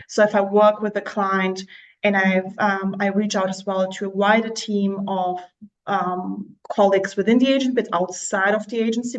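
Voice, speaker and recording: A woman's voice: mid-range voice, rough recording. A woman from Slovakia, a real estate agent, talking casually in an interview with many fillers and restarts.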